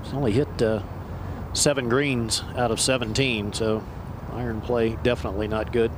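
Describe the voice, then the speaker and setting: A man working as a golf commentator, calling play in a measured, understated way during a live broadcast. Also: mid-range voice, flat delivery. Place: outdoors at a golf course. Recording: very noisy outdoor broadcast.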